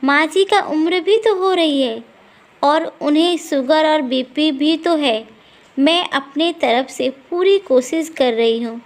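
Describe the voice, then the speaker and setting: A woman doing a patient, soft-spoken daughter-in-law. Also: sits high, takes it slowly, voice pushed up. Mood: pleading. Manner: gentle, placating. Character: patient young daughter-in-law, calm and dutiful.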